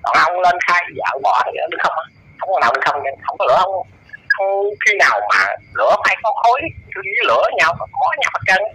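A man in his eighties with a Southern Vietnamese accent, talking as an interview guest and lecturing in a scolding, preachy way, his pitch leaping up and down. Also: big pitch swings, fairly quick, pushed and bright, breathy edge, rough recording. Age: 80s. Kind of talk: casual lecturing chat.

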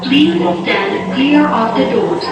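A woman giving slow, formal prerecorded station announcements over a metro train's PA loudspeaker. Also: high-pitched, animated, muffled recording, over loud music. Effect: heard over a train PA loudspeaker. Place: inside a moving metro train carriage. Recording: echoey, distant, loud train noise.

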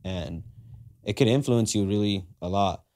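A man's voice: lowish voice, moderate pace, a little mellow. A young man from Southern California, a skateboarder guest, telling casual stories and acting out quoted dialogue with animation, talking into a podcast mic in a garage studio. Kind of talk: casual storytelling. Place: cluttered garage studio, indoors. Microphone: podcast mic on boom arm.

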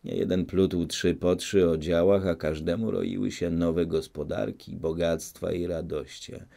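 A man narrating a classic novel as an audiobook, in a steady, measured reading. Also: deep voice, creaky.

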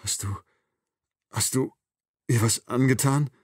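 A man's voice: mid-range voice, slow pace, husky, no echo, clean studio sound, voice pushed up. A man reading an audiobook, voicing a frightened captive male doctor with a trembling, thin voice, out of breath. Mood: trembling fear. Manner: pleading, then bursts out angrily.

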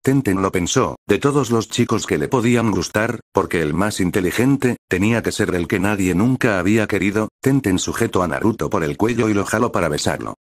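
A man reading a fan story aloud in a steady storytelling manner. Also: lowish voice, fairly quick, hardly any pauses, dry recording, studio quality. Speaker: narrator.

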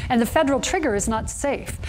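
A woman's voice: fairly high pitch, quick pace, darkish tone, slight background noise, low-quality recording. A middle-aged woman speaks articulately and steadily in an outdoor news interview. Faint street ambience sits under her voice.

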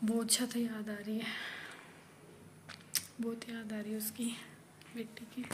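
High-voiced woman vlogging at home. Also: flat delivery, measured pace, slight background noise. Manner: soft murmured narration to camera. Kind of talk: casual home vlog.

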